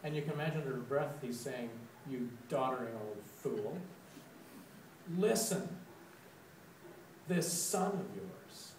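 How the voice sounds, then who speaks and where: A man giving a sermon reflection, telling a story slowly and deliberately. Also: a little high, darkish tone, slight background noise. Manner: slow, deliberate storytelling, with dramatic quoted outbursts. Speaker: preacher. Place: church sanctuary. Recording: echoey church, recorded from a distance.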